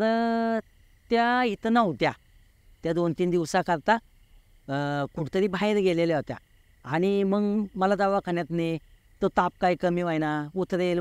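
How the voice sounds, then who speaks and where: High-voiced man telling a story. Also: clear, resonant tone, no room sound. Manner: vivid, repeats words for effect, acts out sounds. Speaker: guest telling a true ghost story. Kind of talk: interview storytelling.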